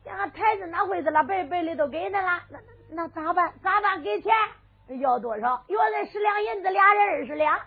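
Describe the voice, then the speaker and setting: A woman's voice: extremely high pitch, a little fast, voice pushed up. Woman doing a cheeky Henan beggar man. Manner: chatty, cheeky. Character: scrappy cheeky male beggar. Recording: phone-like lo-fi with faint music.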